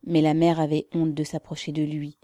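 A woman reading a classic novel aloud as narrator, slow and measured. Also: low-pitched, monotone, no room sound. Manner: slow, measured, dark-toned.

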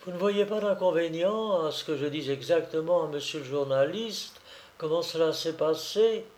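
A man reading a novel aloud, voicing a gentle, wistful young woman dancer in a soft, raised voice. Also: high-pitched, measured pace, pitched above the performer's own voice. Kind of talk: audiobook character reading.

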